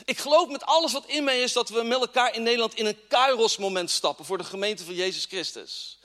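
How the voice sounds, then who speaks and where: Fervent preacher in a reverberant hall. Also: male voice, extremely high pitch, fairly quick, a bit bright. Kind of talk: sermon with scripture reading. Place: church hall with congregation. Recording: long reverb of a church hall.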